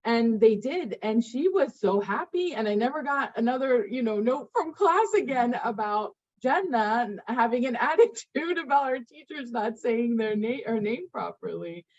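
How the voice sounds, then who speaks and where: Expressive high-pitched woman storyteller. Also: moderate pace, few pauses. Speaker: presenter, parent. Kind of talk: online session talk, personal anecdote. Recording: muffled lo-fi audio.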